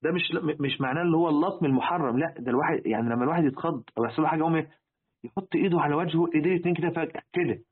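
Fast-talking Egyptian man teaching. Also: fairly high pitch, husky. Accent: Egyptian Arabic. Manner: rhetorical questions to listeners, repeats key words. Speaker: religious teacher. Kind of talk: Quran word-meaning lesson. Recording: tinny, phone-like lo-fi recording.

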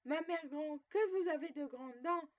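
An innocent little girl voiced by a woman speaks trustingly and politely. Her voice is high and light, heard through a dull, lo-fi recording. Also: unhurried. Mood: wondering.

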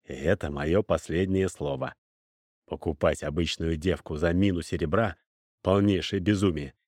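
Gruff old merchant, as a male reader puts him on, deep, firm, dry sound. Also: steady tone, normal speed, a little mellow, dry recording. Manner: firm, businesslike. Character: stern older male merchant, a hard bargainer.

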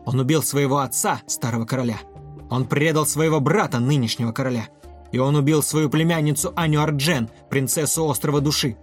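A man voicing a furious young boy who loudly accuses a murderer. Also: on the high side, fairly quick, faint music behind, lightly acted. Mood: angry accusing. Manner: loud, indignant declaiming.

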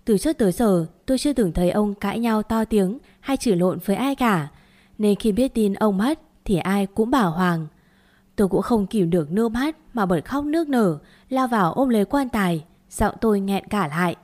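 A woman reading a first-person family drama aloud in a steady storytelling voice. Her pitch sits in the middle range. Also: moderate pace. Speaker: story narrator. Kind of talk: scripted first-person narration.

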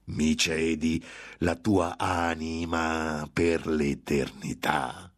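A man voicing a scornful, menacing male demon tempter in an audiobook reading, slow and drawn out, swelling into shouts. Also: extremely low pitch, flat delivery, full character voice. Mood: solemn.

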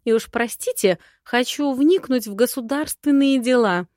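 A woman reading an audiobook and voicing a cheeky, sharp-tongued young woman who talks in a brash, teasing way. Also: a little high, moderate pace, no echo, clean studio sound, voice pushed up, natural voice. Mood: indignant. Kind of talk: audiobook character voice.

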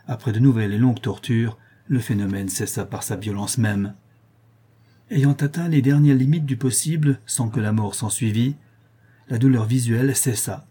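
A man narrating a classic novel as an audiobook, with a steady, dramatic storytelling manner. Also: lowish voice, slightly rough.

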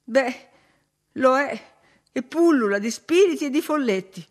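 Flustered gentleman tenant read by a woman, raised and urgent, on the high side. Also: expressive, measured pace. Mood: flustered urgency. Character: frightened, apologetic young gentleman tenant. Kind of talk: audiobook reading.

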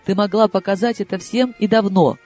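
A man reading a novel aloud and voicing a sly, tender secretive lover who speaks softly and confidingly. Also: sits high, fairly even intonation, a little fast, faint music behind. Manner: soft, intimate, confiding.

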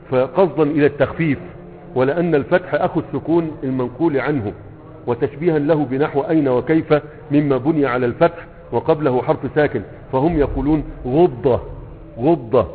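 In a classroom lecture, a man with an Egyptian Arabic accent reads and explains a grammar text step by step, repeatedly asking "okay?" to make sure students follow. His voice is mid-range, and the recording has a little hiss or hum, sounding tinny and phone-like in a reverberant hall.

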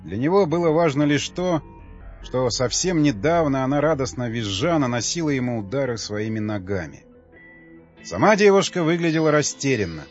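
A man reading an audiobook in a steady, measured narration. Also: mid-range voice. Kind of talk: scripted narration. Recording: dull lo-fi audio with faint music.

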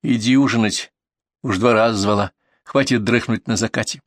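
A man voicing a good-humored wife who speaks in a gentle, teasing way, in a storybook reading. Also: on the low side, moderate pace, no room sound, studio quality, natural voice. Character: good-humored wife waking her husband.

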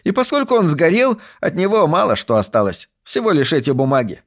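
A man voicing an excitable, talkative old male museum archivist who snorts as he speaks, in a raised voice. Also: a little high, brisk, voice pushed up, full character voice. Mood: eager.

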